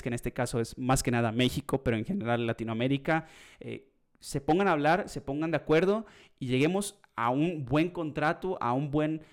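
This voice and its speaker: A young man talks through a podcast episode in a loose, rambling way. His voice sits at an ordinary middle pitch, and he fills the gaps with plenty of fillers and side comments. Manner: rambling, chatty, many fillers and asides. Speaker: podcast host. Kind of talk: casual podcast chat.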